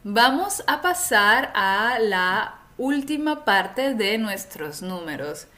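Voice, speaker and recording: A woman who is a native Spanish speaker, teaching pronunciation in a slow, careful lesson, drilling words and having listeners repeat after her. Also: medium pitch, big pitch swings, sharp tone.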